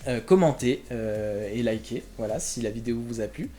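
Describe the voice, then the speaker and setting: A man's voice: medium pitch, animated, normal speed, warm tone. Man vlogging a card opening, chatty, lots of fillers, talks to viewers as friends, faint music behind. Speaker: YouTube collector channel host. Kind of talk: casual chat while opening trading card packs.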